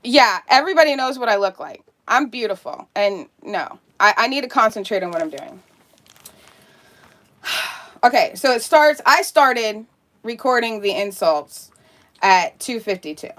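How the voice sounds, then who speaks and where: A woman's voice: a little high, animated, unhurried, a bit bright. A woman streamer talking casually, ranting in a heated, sarcastic and profane way.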